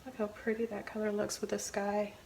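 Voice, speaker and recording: A woman giving a casual step-by-step painting tutorial as a gentle, easygoing instructor. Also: medium pitch, completely flat delivery, a little fast, creaky. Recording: roomy echo, faint background noise.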